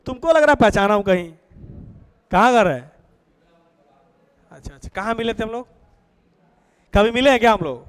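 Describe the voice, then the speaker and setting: Man, classroom chemistry teacher, coaxing and quizzing, clear and dry. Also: sits high, expressive, normal speed, long pauses, no echo, poor audio. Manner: coaxing, asks the class questions and repeats answers. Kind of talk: classroom lecture.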